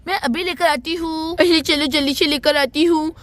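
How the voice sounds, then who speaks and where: A woman's voice: high-pitched, fairly even intonation, normal speed, a bit bright, no room sound. A woman voicing an eager, curious young girl in a doll cartoon story.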